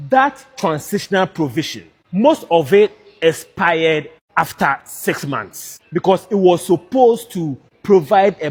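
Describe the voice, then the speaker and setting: A man lectures in an emphatic, scornful way. His voice is husky and sits somewhat high. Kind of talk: commentary on the constitution.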